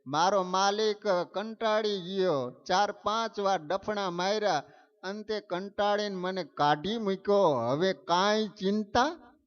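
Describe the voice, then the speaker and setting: A man's voice: high voice, slow pace, clear, resonant tone, voice pushed up. A preacher voicing a cocky, idle male donkey who boasts to a horse. He speaks in a smug, persuasive way. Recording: dull, echoey hall sound.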